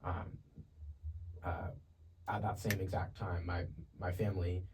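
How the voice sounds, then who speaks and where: Low-voiced young man telling his story. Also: unhurried. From Ethiopia. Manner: relaxed and chatty, laughs easily. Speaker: podcast guest. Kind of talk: casual testimony. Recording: distant mic with faint ambient noise.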